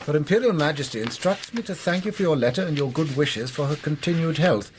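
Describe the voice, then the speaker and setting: An actor playing an earnest, proper gentleman doctor with an English accent and a husky, hesitant delivery in a radio drama. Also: a little high, lively intonation, brisk, background noise, lightly acted. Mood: curious. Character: earnest, easily shocked Victorian gentleman doctor. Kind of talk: British radio drama acting.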